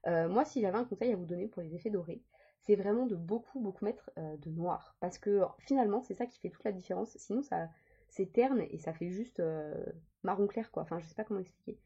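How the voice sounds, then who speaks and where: Vlogger in her thirties, woman, husky and gravelly, chatty and rambling, dull lo-fi recording. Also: mid-range voice, brisk, mellow. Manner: chatty, rambling with many fillers and restarts. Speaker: coloring vlogger. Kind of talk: casual chat. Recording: dull lo-fi sound.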